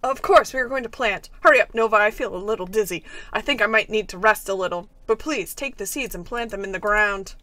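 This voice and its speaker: A woman voicing an excitable, melodramatic male gardener from a video game in a gushing manner. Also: medium pitch, brisk, few pauses, voice pushed down, natural voice. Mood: dizzy, urgent.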